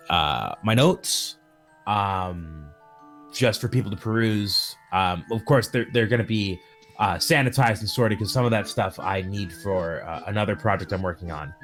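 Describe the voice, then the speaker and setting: On the low side, this man's voice belongs to the host and game master of a casual stream. He delivers announcements with a rambling, jokey style, frequently cutting himself off.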